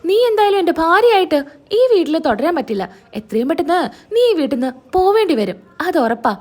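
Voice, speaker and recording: A woman's voice: very high voice, sing-song, quick pace, darkish tone. A woman doing an indignant, protective young man. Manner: pressing, indignant questions. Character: protective young man, brother-in-law, hot-headed.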